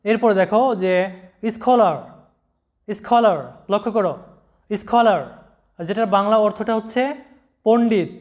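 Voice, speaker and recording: A man giving a slow, deliberate vocabulary lesson, spelling out letters and repeating each word. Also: high-pitched, a little mellow. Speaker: English pronunciation teacher.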